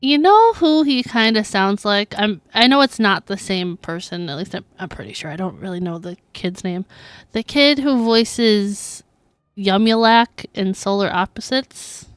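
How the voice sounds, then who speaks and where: A woman's voice: medium pitch, measured pace, smooth, no echo. A young adult woman chatting casually and giggling while streaming a game. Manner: chatty, giggly, reacting aloud. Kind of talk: casual gameplay chat.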